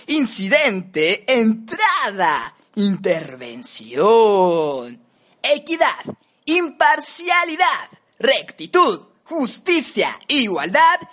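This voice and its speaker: A woman's voice: a little high, a bit bright. A woman from Mexico, a radio announcing student, reading synonym lists aloud and shifting her tone from word to word. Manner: slow, deliberate, shifting tone word by word.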